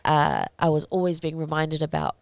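A young woman talks through a candid interview in a fairly low voice with noticeable vocal fry. She speaks haltingly, reflecting as she goes and often pausing to find the right words. The sound is close and dry. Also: very animated, dry recording. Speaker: interview guest, fighter.

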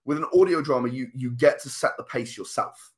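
A comic and game writer appears as an interview guest, explaining his creative work thoughtfully and at length in conversation. His voice is medium-pitched and his pace brisk.

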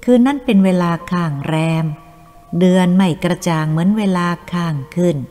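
A woman narrating a Thai audiobook story in a steady, measured reading voice. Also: lowish voice. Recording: long reverb, faint music.

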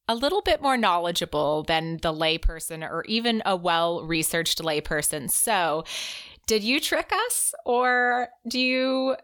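A woman's voice: lowish voice, fairly bright tone. A woman hosting a casual interview, chatty and rambling as she asks her questions. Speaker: podcast host.

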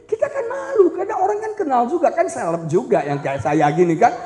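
A high-voiced man preaching with a lively, swooping delivery. He jokes with the congregation and acts out quotes, and his voice rings through a long echoey hall. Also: fairly quick. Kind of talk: lively sermon. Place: church retreat hall.

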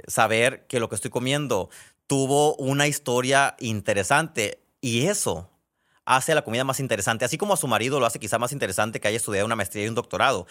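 A man's voice: mid-range voice, fairly bright tone. A man with a Mexican accent hosting a podcast, telling stories in a chatty, digressive way and often correcting himself mid-sentence. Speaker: podcast host. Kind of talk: casual storytelling monologue.

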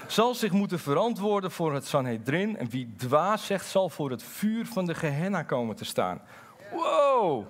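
Middle-aged male pastor, fairly high voice, sermon delivery, candid and lively, drops low for asides. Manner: lively, swings from loud emphasis to low confiding asides; candid, halting storytelling with fillers.

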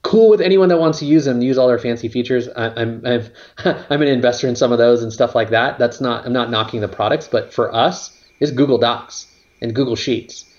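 A man's voice: mid-range voice, fairly quick, darkish tone, highs cut off. A man, a company co-founder, talking casually in an interview, rambling with lots of fillers and some casual swearing.

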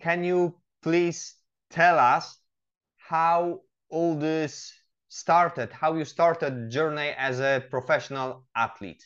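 A man hosting a podcast interview, asking halting questions full of hesitations. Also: on the high side, fairly even intonation, a bit bright, clean tone. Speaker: podcast host and coach. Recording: slightly dull lo-fi audio.

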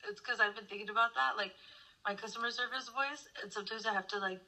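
A young woman talks with friends in a bubbly, chatty way. Her voice is very bright and forward. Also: a little high, quick pace, rough recording. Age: young adult. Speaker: co-host. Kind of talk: casual chat.

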